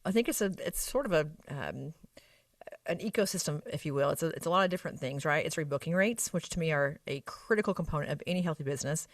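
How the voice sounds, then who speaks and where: Fast-talking woman with an Arkansas accent. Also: low voice, expressive, no echo, recorded from a distance. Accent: Arkansas Southern US. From Arkansas, United States. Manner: emphatic and explanatory, with frequent tag questions. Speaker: guest expert on medical spa practice operations. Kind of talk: conversational expert interview answer.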